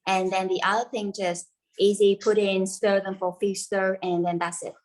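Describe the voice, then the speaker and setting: A native Vietnamese speaker from central Vietnam, with a central Vietnamese accent, teaches a live cooking class informally in simple, non-native English that drops words. Her voice is medium-pitched with little pitch movement, and she speaks at a normal speed.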